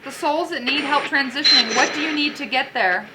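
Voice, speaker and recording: A high-pitched woman works as a paranormal investigator, speaking directly to spirits. She coaxes them with conversational questions. The location recording is very noisy. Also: a little fast. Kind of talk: addressing spirits aloud during an investigation.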